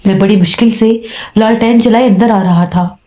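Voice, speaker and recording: A woman's voice: mid-range voice, fairly even intonation, moderate pace, mellow. A woman narrating a scripted horror story in the first person, acting out the dialogue of its characters. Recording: roomy echo with faint music.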